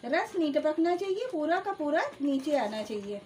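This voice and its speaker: In a high, sing-song voice with a darkish tone, a woman narrates at normal speed, a little background noise behind her. She's hosting a cooking channel in her home kitchen, explaining every step of a home recipe plainly and greeting viewers as friends.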